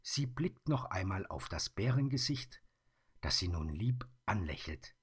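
A man reading a children's story aloud in a soft, often whispered narration. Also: low-pitched, sing-song, unhurried, slightly rough.

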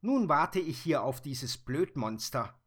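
A man voicing a bold, cheeky little girl in a high, lively storybook voice. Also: slow pace, exaggerated voice.

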